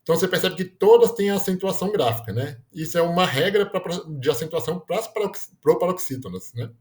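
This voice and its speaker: His voice sits high and a little mellow, with lively intonation and a quick pace. The teacher explains grammar, peppering it with "né?" and mid-word self-corrections.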